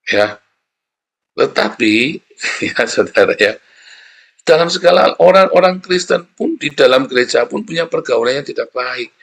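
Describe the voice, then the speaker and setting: A man preaching a sermon as a pastor, animated and conversational, often calling out to his listeners. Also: medium pitch, measured pace, vocal fry, long pauses.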